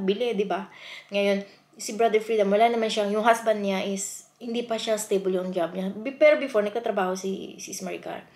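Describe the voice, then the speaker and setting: A woman from the Philippines talks to her viewers in a warm, chatty vlog, speaking from the heart and mixing English into her sentences. Her voice sits in a middle pitch. The recording has a noticeable roomy echo around her. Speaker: vlogger. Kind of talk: casual vlog talk to viewers.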